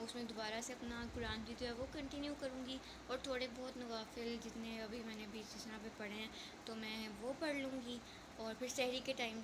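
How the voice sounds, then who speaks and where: A woman's voice: on the high side, noisy background. A woman in her thirties, a mother, chatting casually in a vlog from home at night, laughing easily. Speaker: vlogger and mother.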